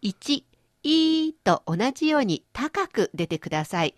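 A language teacher and host with a fairly low voice and big pitch swings talks at normal speed through a radio-style lesson. She explains pronunciation using playful everyday images. The sound is clean studio audio with no echo.

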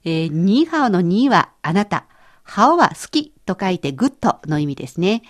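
A woman's voice: fairly low pitch, very animated, moderate pace. A woman co-hosting a scripted language lesson, explaining phrases in a conversational way. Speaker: language teacher co-host.

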